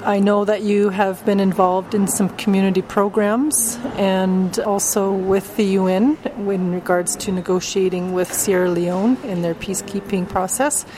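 A woman's voice: medium pitch, fairly even intonation, unhurried, hardly any pauses, background noise. A woman hosting an interview, introducing and questioning a guest in a casual, rambling way with fillers.

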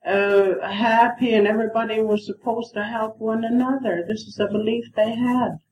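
A woman's voice: a little high, steady tone, normal speed, darkish tone, poor audio. A woman interpreting in an interview, hesitant and full of fillers, heard on old worn tape. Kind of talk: casual spoken translation. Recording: worn 1970s tape with faint hiss.

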